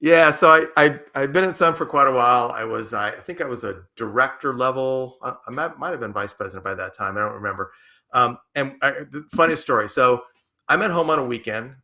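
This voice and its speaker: An older American man, a podcast guest, telling lively career anecdotes and acting out quotes. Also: medium pitch, brisk. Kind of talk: storytelling interview answer.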